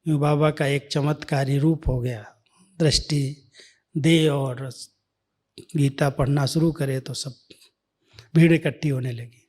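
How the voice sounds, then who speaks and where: A man giving a devotional talk, telling a spiritual life story in a measured way that sometimes drops to a near-whisper. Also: medium pitch, fairly even intonation, darkish tone. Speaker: spiritual speaker.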